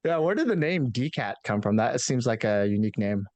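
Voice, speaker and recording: A man's voice: mid-range voice, animated, a little fast, darkish tone, no echo. A young man hosting a podcast interview over a video call, asking friendly, casual questions through a headset. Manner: friendly questions with small laughs. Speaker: podcast host. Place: home office, indoors.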